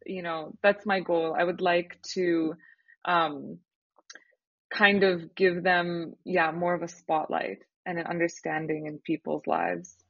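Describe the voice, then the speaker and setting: Young woman, earnest startup founder type, husky timbre, dry dull studio recording. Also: fairly low pitch, dry recording. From Canada. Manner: earnest, lively, with filler pauses. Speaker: startup founder, podcast guest. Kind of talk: casual interview talk.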